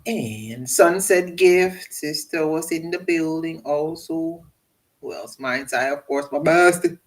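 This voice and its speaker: A man hosting a casual livestream in an easygoing, meandering way. He talks at a slow, unhurried pace and laughs often between shout-outs to his viewers. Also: on the high side, low-quality recording. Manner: relaxed, rambling, laughing often. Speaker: livestream host.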